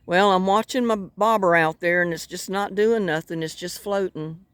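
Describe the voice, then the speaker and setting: A woman's voice: lowish voice, fairly even intonation, moderate pace, clear, resonant tone, no room sound. An older woman with a North Carolina Southern accent, chatting in a rambling, folksy way while fishing outdoors by the water. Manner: rambling, folksy, self-deprecating. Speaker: vlogger. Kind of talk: casual chat while fishing.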